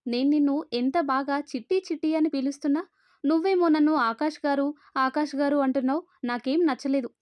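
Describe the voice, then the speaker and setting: Teasing young city man, blunt, woman reading as him in a high, light voice, dry close sound. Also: brisk, no echo, close to an everyday voice.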